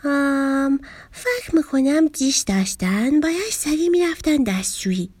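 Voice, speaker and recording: A high-pitched, scatterbrained little fish from a children's storybook, as a woman plays it. The voice swoops up and down as it rambles and loses track of its words. Faint music plays softly underneath. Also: expressive, dry recording. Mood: chatty. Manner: rambling, tongue-tied and easily confused. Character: scatterbrained, flustered young fish schoolkid.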